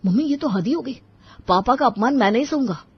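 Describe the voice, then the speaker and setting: A woman voicing a hot-tempered young married man who is protective of his father and quick to raise his voice. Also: lowish voice, slightly rough, lo-fi sound. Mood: troubled. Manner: indignant, raises voice.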